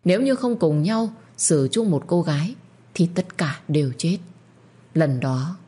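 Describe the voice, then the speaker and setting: Husky low-voiced woman storyteller. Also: unhurried. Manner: steady, dramatic storytelling delivery. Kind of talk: dramatic story narration.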